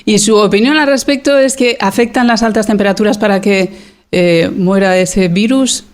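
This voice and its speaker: A man with a notably high voice conducts an interview, putting polite, formal questions to his guest. He pauses on fillers and restarts as he frames each question. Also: fairly even intonation.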